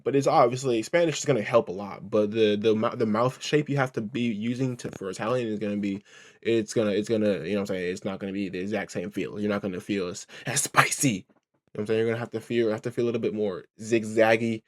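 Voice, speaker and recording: Quick-paced and steady, his fairly low voice runs through rambling reaction commentary as a streamer. He restarts often, swears freely, and asks "right?" and "you know what I'm saying?" again and again.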